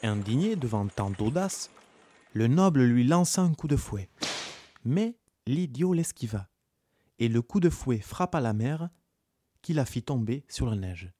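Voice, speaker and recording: A man narrating a folk tale in a calm, measured storytelling manner. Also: mid-range voice, breathy edge, dry recording.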